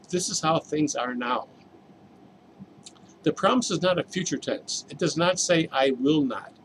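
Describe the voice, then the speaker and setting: Man, fairly high voice, measured sermon teaching, stresses key words, faint hiss behind. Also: low-quality recording. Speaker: preacher.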